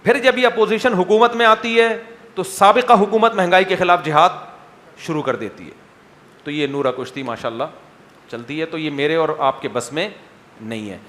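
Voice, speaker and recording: A man's voice: fairly high pitch, a bit bright. A male Islamic scholar answering questions bluntly and wryly, often checking that his listeners understand. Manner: blunt, wry.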